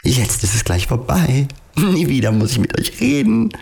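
A man voicing Alice, a defiant dramatic young woman in a storybook reading, declaiming in a pitched-up voice. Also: sing-song, moderate pace, gravelly, a little mellow. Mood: exalted. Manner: declamatory, pitch pushed up high.

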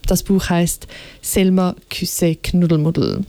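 A woman reading a children's book aloud in a clear, even storytelling manner. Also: on the low side, slow, dry recording. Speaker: reader.

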